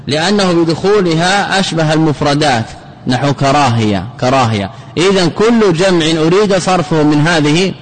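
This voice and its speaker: A man's voice: a little high, rough recording. A man teaching a classical grammar lesson, asking questions and answering them himself and repeating key words.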